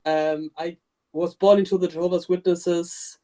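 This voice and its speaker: A man with a notably high voice talks in a relaxed, chatty way during a spiritual podcast conversation. He is candid and laughs often as he tells his stories. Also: unhurried. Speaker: podcast participant. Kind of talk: casual spiritual discussion.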